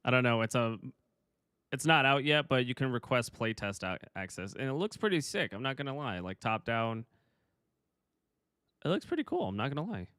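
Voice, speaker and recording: A man's voice: mid-range voice, animated, a little fast, bright, forceful tone, smooth, dry recording, studio quality. A young man chiming in on a stream with offhand, laid-back casual banter.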